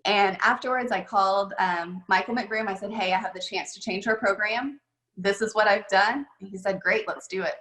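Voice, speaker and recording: This woman, a head golf coach, has a mid-range, fairly bright voice and talks at a normal speed. She tells stories in a relaxed, chatty way with lots of fillers, joining a video call from a room with noticeable echo.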